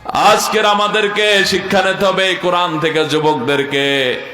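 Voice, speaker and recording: A man preaching a sermon at a religious gathering, firing rhetorical questions at the crowd, swinging between loud declaiming and low asides, and chanting Arabic lines. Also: steady tone, measured pace. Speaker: preacher at a Quran commentary gathering. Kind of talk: Bengali waz sermon. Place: outdoor religious gathering with loudspeakers. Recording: echoey public address sound.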